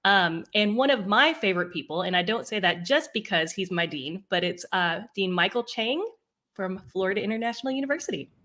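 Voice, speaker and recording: A woman's voice: mid-range voice, lively intonation, a little fast, bright, forceful tone. A woman co-hosting a podcast, chatting casually in a playful, friendly way. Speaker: podcast co-host. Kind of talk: casual chat.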